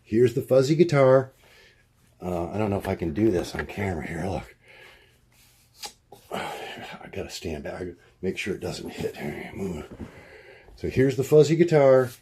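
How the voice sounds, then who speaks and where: Halting man rambling to his camera. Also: expressive, warm tone, slight background noise. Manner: halting, many fillers and restarts, loses his words; acts out quoted voices in a much higher pitch. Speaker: vlogger. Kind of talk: rambling personal video diary.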